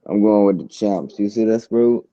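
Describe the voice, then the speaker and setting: A man's voice: lowish voice, normal speed, mellow, dry recording, dull audio. A man co-hosting a casual sports chat, brash and slangy, talking up his picks with swagger. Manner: brash, slangy trash talk. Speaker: co-host.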